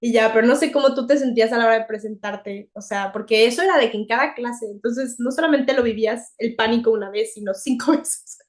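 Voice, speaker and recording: A young woman with a Mexican accent, co-hosting a podcast in a chatty, animated way and laughing often. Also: fairly high pitch, a little fast, hardly any pauses. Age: young adult. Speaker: podcast co-host. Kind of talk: casual chat.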